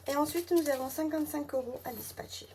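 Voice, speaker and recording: A woman with a southern French accent, counting through her budget envelopes at home and muttering figures under her breath as she thinks aloud. Her voice sits a little high. Steady background noise and small clicks run behind her. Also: fast. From south of France. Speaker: budget vlogger. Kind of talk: casual talk while counting budget envelopes.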